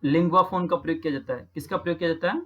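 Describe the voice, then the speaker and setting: A teacher from Rajasthan, India, patiently works through practice exam questions, repeating each answer and checking in often. His voice is on the high side and very fast, with phone-quality sound.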